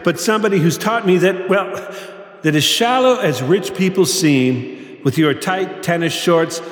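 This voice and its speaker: A man's voice: high-pitched, roomy sound, big-room sound, pitched above the performer's own voice. A man voicing a cocky young male dance instructor who addresses a crowd with swaggering, crude, rambling asides.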